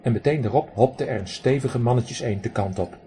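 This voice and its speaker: A man narrating a story in the first person, lively and speaking directly to the listener. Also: medium pitch, fairly quick, a little hiss or hum.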